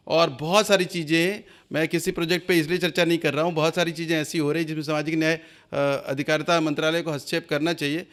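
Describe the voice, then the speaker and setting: A man hosting an online seminar, speaking formally and earnestly, with frequent pauses and hesitations as he makes requests. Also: on the high side. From India. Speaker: webinar host.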